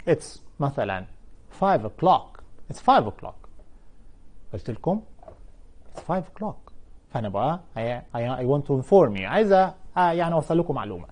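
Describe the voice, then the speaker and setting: A man with an Egyptian Arabic accent teaching a televised English lesson, explaining in Arabic and drawing out English example words slowly. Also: mid-range voice, darkish tone, breathy edge.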